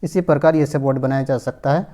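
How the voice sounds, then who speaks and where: A man teaching English grammar, who asks himself questions and answers them, and reads English examples slowly and deliberately. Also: mid-range voice, fairly even intonation, mellow. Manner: repeats rhetorical questions to students. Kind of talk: explanatory lesson.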